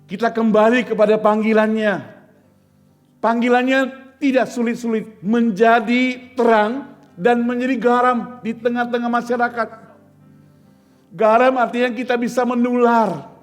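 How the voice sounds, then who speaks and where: An earnest male pastor with a high-pitched voice, preaching in a church. He presses his point with repeated rhetorical questions, and soft music plays faintly behind him. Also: fairly even intonation, unhurried. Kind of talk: sermon with storytelling.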